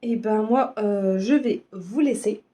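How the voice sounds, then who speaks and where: A woman in her thirties from France with a sore, hoarse throat, chatting casually as a vlogger and hesitating often. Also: mid-range voice, slow, mellow. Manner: hesitant, many fillers. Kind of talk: casual chat.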